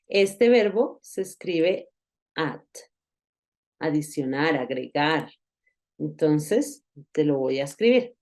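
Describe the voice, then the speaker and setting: Slow, patient woman teaching a lesson. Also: fairly low pitch, a little mellow. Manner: patient, explanatory, repeats example words slowly. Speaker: English teacher. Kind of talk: recorded online lesson.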